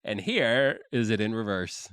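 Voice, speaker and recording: A man's voice: fairly low pitch, unhurried, heavy background noise. A man co-hosting a podcast, playfully running a game between friends, often breaking into laughter. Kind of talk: casual podcast banter.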